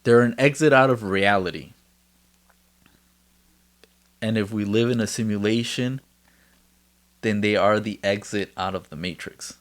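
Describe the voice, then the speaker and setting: A man's voice: on the low side, measured pace, pauses often. A man hosting a casual, laid-back podcast, chatting and joking with a friend and swearing freely. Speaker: podcast host. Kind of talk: casual chat.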